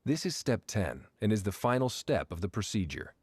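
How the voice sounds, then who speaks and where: A man giving a scripted instructional narration, explaining each step clearly. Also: fairly low pitch, very animated, normal speed, darkish tone, no room sound.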